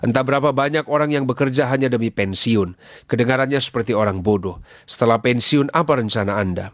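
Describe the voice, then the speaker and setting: A man's voice: mid-range voice, fast, no room sound, studio quality. A man preaching a radio sermon, earnest and exhorting, asking his listeners question after question.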